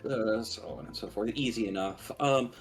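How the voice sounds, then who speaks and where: A man running a tabletop game as game master, questioning the players in a relaxed way. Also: lowish voice, normal speed. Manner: lively, asks players questions.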